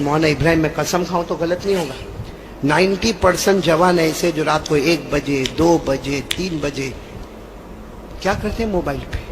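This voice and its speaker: A man preaching a storytelling sermon, calling on the crowd to answer and swinging between shouting and hushed, low talk. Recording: noisy recording.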